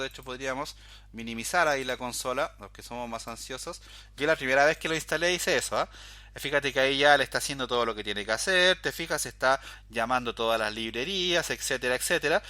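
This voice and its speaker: A man's voice: medium pitch, pushed and bright, dry recording. A man teaching a programming tutorial, explaining each step as he goes and often calling the viewer's attention to details. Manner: explanatory, walks through steps, often says "fíjate". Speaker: programming instructor. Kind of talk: screen-recorded coding tutorial.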